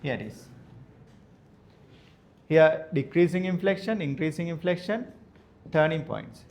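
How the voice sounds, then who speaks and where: A male maths teacher, dictating lecture notes slowly and repeating each phrase so students can write it down. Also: a little high, lively intonation, a little mellow. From Sri Lanka. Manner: repeats phrases slowly for note-taking, spells words out.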